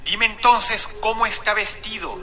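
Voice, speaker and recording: Calm female emergency operator, read by a man. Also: high-pitched, a little slow, soft background music, exaggerated voice.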